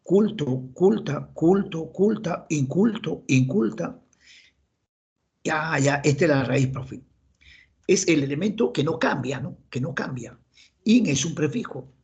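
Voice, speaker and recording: Gravelly Peruvian teacher explaining grammar. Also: male voice, a little high, lively intonation, unhurried, a little mellow. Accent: Peruvian Spanish. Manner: quizzes himself aloud, answers in students' voices. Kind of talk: classroom grammar lecture.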